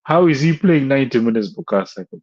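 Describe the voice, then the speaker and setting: A man's voice: mid-range voice, animated, fast, a little mellow, highs cut off. A young man on a live stream, ranting about a football match, repeating himself in exasperation and tossing in "bro" constantly.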